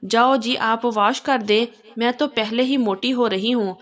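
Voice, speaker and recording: Cheeky loving young wife, read by a woman, somewhat high voice, storybook reading. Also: a little slow, lightly acted. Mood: teasing. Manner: sweet and teasing.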